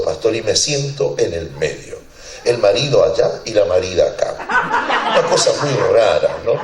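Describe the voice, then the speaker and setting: A man preaching a sermon as a pastor, telling a funny story with lots of laughter and acted-out voices. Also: lowish voice. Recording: roomy church hall, distant mic, congregation audible.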